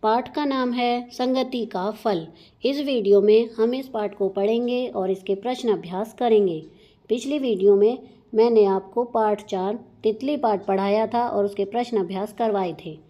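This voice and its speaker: Female teacher reading a children's lesson aloud; slow, clear and mellow. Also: on the high side, muffled recording.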